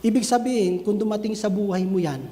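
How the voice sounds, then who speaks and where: A man with a very high voice preaches an animated sermon and acts out little scenes for his listeners. The sound carries a long reverb, as if from a hall. A faint hum of room ambience sits behind him. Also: fairly quick. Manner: switches between Filipino and English, addresses listeners as brethren. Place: church cell group gathering.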